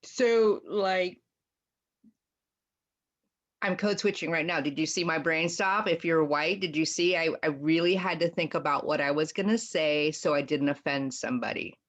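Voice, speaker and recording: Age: adult. Sex: woman. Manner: expressive panelist, acts out conversations. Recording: muffled video call. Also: deep voice, normal speed. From United States. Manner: expressive, acts out quoted exchanges. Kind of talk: candid panel talk.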